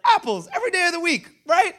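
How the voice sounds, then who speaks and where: A man in his thirties, from Brazil, preaches with a very high voice. His tone is bright and forceful. He tells funny personal stories in an animated way. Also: quick pace. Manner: animated, humorous storytelling with laughs.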